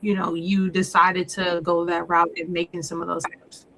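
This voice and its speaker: A hesitant interviewer on a laggy video call, the voice breaking up and cutting out over a bad connection. The tone is bright, with a faint hiss underneath. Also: medium pitch, monotone, moderate pace, creaky. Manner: searching for words, hesitant.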